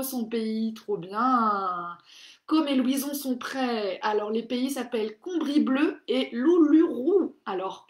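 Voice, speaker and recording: A cheerful woman with a fairly high voice hosts a live craft workshop for children. She greets each viewer by name and reads their comments aloud in a lively, encouraging way. Her voice carries a roomy echo.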